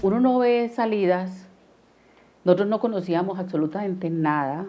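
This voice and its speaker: A woman, a dentist recalling her family's past in a soft, hesitant way during a television interview. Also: mid-range voice, normal speed, over loud music. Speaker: interviewee, a dentist and the lawyer's wife. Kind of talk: testimonial interview. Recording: dull lo-fi sound.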